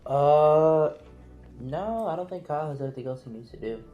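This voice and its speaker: A man's voice: on the high side, lively intonation, moderate pace, warm tone, soft background music. A man who plays in a tabletop role-playing game and chats casually, stammering and repeating words. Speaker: player. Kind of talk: casual actual-play chat.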